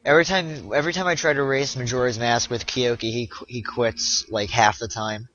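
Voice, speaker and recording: Young male streamer, bright voice, stop-start casual chat, muffled lo-fi stream audio. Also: medium pitch, fairly even intonation. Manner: chatty, halting, frequent restarts and repeats. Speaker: speedrunner streaming live.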